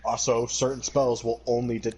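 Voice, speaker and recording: A man in casual stream chat, excitable and rambling, breaking into dramatic outbursts. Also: medium pitch, normal speed, a little hiss or hum.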